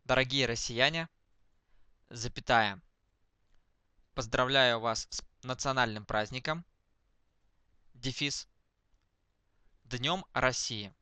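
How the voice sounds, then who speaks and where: A man dictating text slowly to speech recognition, speaking each punctuation mark aloud, word by word. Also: mid-range voice, sharp tone, clear, resonant tone, no echo. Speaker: dictation demonstrator.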